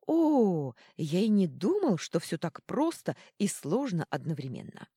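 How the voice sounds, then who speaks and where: A woman voicing a gruff, blunt male dwarf guild foreman in a storybook reading. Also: fairly low pitch, wildly swooping pitch, a little slow, warm tone, dry recording, studio quality, full character voice. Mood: insistent.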